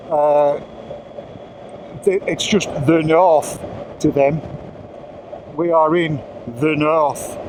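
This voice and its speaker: A man's voice: fairly high pitch, slight background noise, low-quality recording. A man chatting casually while riding a motorcycle, rambling with self-mocking asides. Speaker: motorcycle vlogger. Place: outdoors riding a motorcycle on roads.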